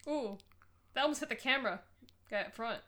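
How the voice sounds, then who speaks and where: Bright-voiced giggly woman podcaster. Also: fairly high pitch, a little fast. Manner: sarcastic, giggly. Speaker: podcast co-host. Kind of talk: casual chat over a watch-along.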